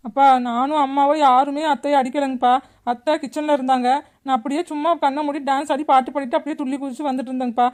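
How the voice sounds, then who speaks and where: A woman's voice: high-pitched, fairly even intonation, quick pace, a little mellow, close to an everyday voice. A woman voicing a young schoolgirl granddaughter who earnestly explains what happened. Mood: explaining.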